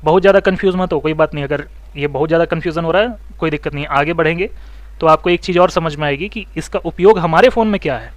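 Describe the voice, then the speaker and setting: A man teaching mobile phone repair, explaining circuits step by step, asking students questions and telling them to take notes, and talking fast. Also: a little high, no echo. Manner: talks fast, says so himself. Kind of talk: online electronics lesson.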